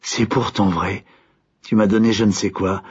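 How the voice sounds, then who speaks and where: A man voicing a loving young wife who speaks softly. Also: lowish voice, level tone, normal speed, slightly rough. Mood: tender. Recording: dull lo-fi recording.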